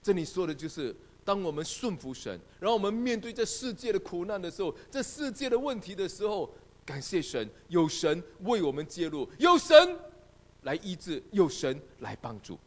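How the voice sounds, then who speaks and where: A male pastor preaching a sermon with emphatic, exclamatory delivery. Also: high voice.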